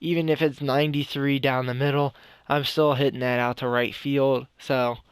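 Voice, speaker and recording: A man's voice: mid-range voice, level tone, moderate pace, clear, resonant tone, dry recording, clean studio sound. A young man giving casual, rambling commentary on a video game as a gaming YouTuber, a little out of breath and often restarting his sentences. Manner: rambling, with frequent restarts and self-corrections.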